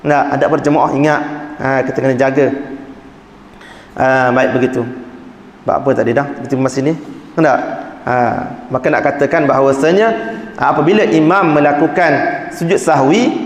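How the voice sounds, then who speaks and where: A man's voice: mid-range voice, normal speed, long pauses. A man teaches a religious book lesson in a mosque. He explains points conversationally and keeps checking in with his listeners. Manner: conversational teaching, fillers like "nah", "ha", "tak?". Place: mosque hall. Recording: echoey hall with long reverb.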